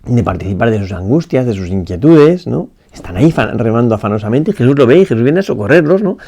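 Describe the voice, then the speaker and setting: This spoken meditation on a gospel passage comes from a priest who reflects slowly, as if thinking it through out loud. His voice sits mid-range with big pitch swings, mellow and dark with gravel at the edges. He often checks in with a questioning tag and restarts phrases midway.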